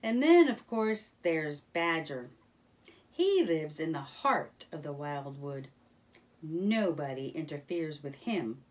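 A woman voicing a cheerful, proud male water rat in a children's storybook reading, in an animated character voice. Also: low-pitched, takes it slowly, far from the mic, exaggerated voice. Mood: cautious.

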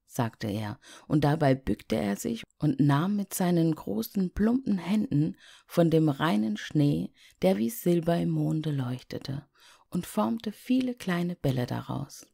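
Low gravelly lady reading a fairy tale, slow and calm. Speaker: storyteller. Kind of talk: scripted fairy-tale narration.

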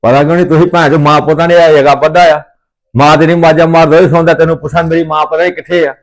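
Guy doing a cranky old father-in-law, high voice, rattles off threats fast, family comedy skit. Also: flat delivery, natural voice. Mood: ranting. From Punjab, India. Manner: ranting, repetitive, threatening. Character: angry scolding father-in-law, older man. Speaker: father scolding his son.

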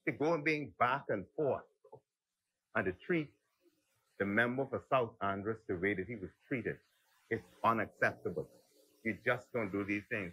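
Husky, forceful Bahamian man. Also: poor audio. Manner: heated, folksy, rambling, swings up and down in pitch. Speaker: member of parliament. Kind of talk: impassioned parliamentary speech. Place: legislative chamber.

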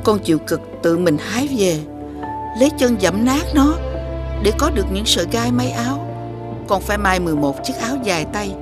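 A woman's voice: medium pitch, animated, brisk, lightly acted. An actress voicing a wise, stern old fairy woman in a cartoon, who gives solemn, earnest warnings. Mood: gentle. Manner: solemn, earnest warnings, rising urgency on key orders. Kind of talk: dubbed cartoon acting. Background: background music.

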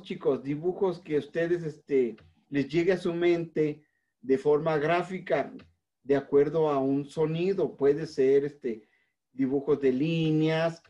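Slow, mellow-voiced Mexican male teacher. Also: a little high, muffled recording. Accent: Mexican Spanish. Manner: patient, explains step by step, fills pauses with "este", demonstrates sounds aloud. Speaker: music teacher. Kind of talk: recorded online class.

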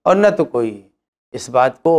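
A man's voice: mid-range voice, lively intonation, slow pace, a little mellow. A man, an Islamic cleric, answering religious questions with emphatic rhetorical questions.

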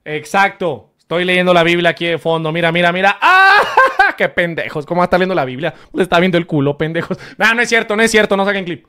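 A young man with a Mexican Spanish accent reacting to clips on a live stream in casual chat, loud and crude, laughing often. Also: sits high, quick pace, few pauses, smooth.

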